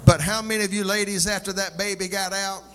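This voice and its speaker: A man's voice: high-pitched, fairly even intonation, fairly quick, fairly bright tone, in a large hall. A male pastor preaching a sermon, calling out to the congregation for response and sliding into a sung, rhythmic cadence. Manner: call-and-response, sing-song preaching cadence.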